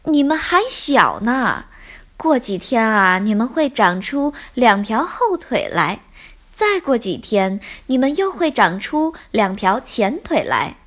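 A woman voicing a warm, patient mother frog who speaks in a tender, reassuring way. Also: on the high side, very animated, slow pace, heavily acted.

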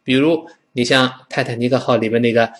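A middle-aged man from China teaching a spoken English lesson, demonstrating pronunciation slowly and repeatedly. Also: medium pitch, steady tone.

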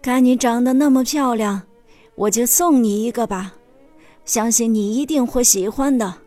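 A woman's voice: on the high side, moderate pace, warm tone, soft background music, close to an everyday voice. A woman voicing a wicked queen disguised as an old woman selling apples, coaxing and falsely sweet.

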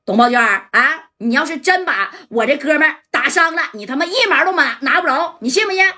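A woman's voice: high-pitched, lively intonation, brisk, bright, forceful tone, voice pushed up. A woman voicing a loyal male gang member who threatens and curses. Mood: threatening. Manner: threatening, cursing.

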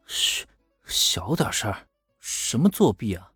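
A man voicing a calm, patient young male mentor who reassures with light teasing. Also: mid-range voice, brisk, dry recording, clean studio sound, soft background music. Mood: reassuring.

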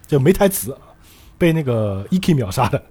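A man's voice: medium pitch, fairly quick, breathy edge. A man hosting a casual podcast, retelling a comic story with laughs and acted-out quotes. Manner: animated, laughs often, acts out the quotes. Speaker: podcast host.

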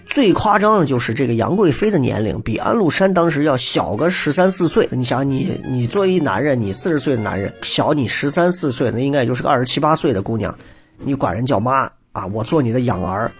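Chatty man telling history, husky voice. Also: mid-range voice, animated, a little fast, soft background music. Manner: chatty, asides to the audience, acts out quotes. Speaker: storyteller. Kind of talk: lively storytelling lecture on history.

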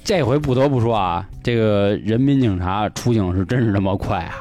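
A man's voice: on the low side, a little fast, soft background music. A man tells a story as a podcast host in a casual way, acting out the dialogue with lots of laughter. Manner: animated, acts out quoted dialogue, laughs often.

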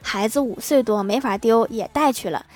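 A woman hosting a show, telling scripted jokes briskly and laughing at the punchlines. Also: on the high side, a little mellow. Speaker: host. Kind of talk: scripted joke narration.

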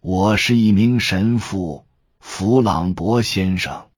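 A man voicing a calm, grave middle-aged priest who speaks in a solemn, measured way. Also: sits low, no echo, studio quality.

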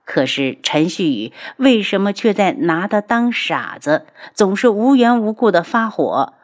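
A woman narrating a web novel audiobook with a steady, even reading style. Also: medium pitch, measured pace.

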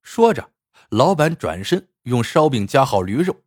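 Husky male storyteller, lively. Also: mid-range voice, a little slow, no echo, clean studio sound. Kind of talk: scripted narration of a folk tale.

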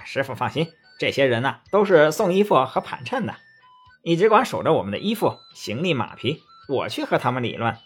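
A man voicing a cheeky, boastful male monkey king in a children's story, talking quick and teasing. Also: mid-range voice, sing-song, breathy edge, soft background music. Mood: reassuring.

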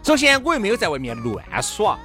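Brief: a bright-toned, playful Sichuanese man as co-host of a comic chat show. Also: sits high, huge pitch swings, fairly quick, faint music behind. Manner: playful, bantering.

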